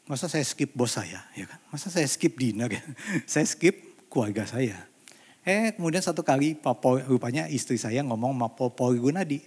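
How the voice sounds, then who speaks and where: A man's voice: medium pitch, lively intonation, normal speed, a little mellow, husky. A middle-aged man preaching a sermon in a conversational way, slipping English phrases into his talk and building to emphatic appeals. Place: church hall. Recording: long church hall reverb.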